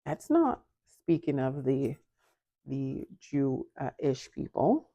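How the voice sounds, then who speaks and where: Animated woman telling a story while baking. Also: takes it slowly, no echo, highs cut off. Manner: animated, acts out quoted voices with pitch jumps. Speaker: vlogger. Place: home kitchen. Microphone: camera in front of her.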